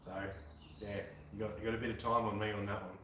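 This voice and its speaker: A man's voice: on the low side, flat delivery, fast, fairly bright tone, a little hiss or hum. A man in his twenties with an Australian accent, chatting casually with viewers on a live stream, laid-back and swearing now and then. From Western Australia. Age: 20s. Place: garage. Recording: very echoey room, mic far off.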